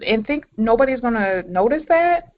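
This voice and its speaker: A woman's voice: a little high, sing-song, moderate pace, phone-quality sound. A woman co-hosting a podcast, chatting casually and ranting bluntly with lots of swearing and emphatic stresses. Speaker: podcast co-host. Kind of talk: casual chat.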